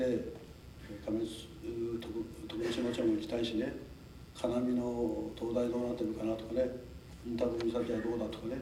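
A man's voice: mid-range voice, dark tone, slight background noise. Older man giving a polite talk in a hall. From Tokunoshima, Amami Islands, Japan. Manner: polite formal speech with frequent chuckles and asides. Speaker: lecturer. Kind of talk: public talk to a local audience. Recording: echoey hall, mic at a distance.

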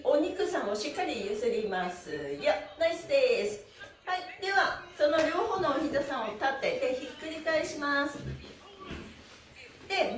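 A cheery, encouraging stretching instructor with a high-pitched, fairly bright voice leads an online exercise lesson, counting along in sing-song chanted phrases. A camera mic a few meters away in a small indoor room with a bare wall picks up roomy echo and background music.

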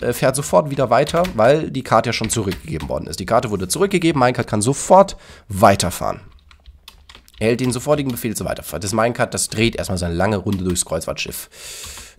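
A man's voice: medium pitch, slight background noise. German man explaining a Minecraft build. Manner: explanatory, talks to viewers. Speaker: YouTuber demonstrating a Minecraft build. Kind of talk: casual gameplay commentary.

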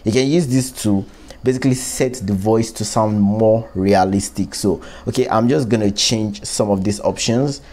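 Using a close one-way microphone for voice-over, a man informally guides viewers through an app one step at a time in a casual screen-recorded tutorial. His pitch is fairly low, his speed normal, and his tone a little mellow.

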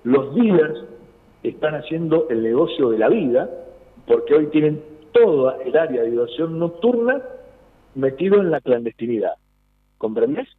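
In a phone interview, a thirtysomething man with an Argentine Spanish accent, a nightlife business representative, explains a policy earnestly and looks for agreement. Fairly high in pitch, animated, and moderately paced, his voice has a breathy edge, heard over a tinny line with no room sound.

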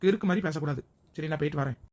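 A woman playing a gentle, caring young husband who reassures his wife. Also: low voice, racing.

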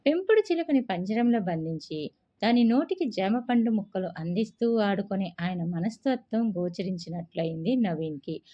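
A woman reading a serialized story aloud, her pitch rising and falling with animated shape. The reading stays steady and expressive, the recording dull and lo-fi. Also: normal speed. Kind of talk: Telugu story narration.

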